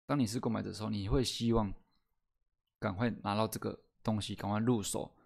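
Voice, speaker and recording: A man hosting a podcast lesson, explaining step by step, often asking "right?" and slowing down to stress key words. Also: lowish voice, fairly even intonation, vocal fry, a little mellow. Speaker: host teaching sales skills. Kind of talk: solo podcast lesson with slides.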